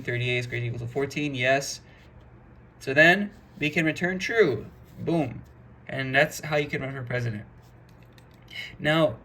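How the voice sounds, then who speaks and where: A man's voice: medium pitch, bright, forceful tone, a little hiss or hum. A man giving a casual programming lesson, talking through code step by step in a chatty way. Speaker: programming instructor. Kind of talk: casual screen-recorded coding lesson.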